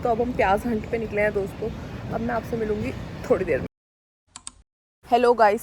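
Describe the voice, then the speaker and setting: In poor audio, a young woman from India with a slightly high voice makes a casual vlog of her day out in the city. She chats and jokes while filming on a handheld phone, faint street noise around her.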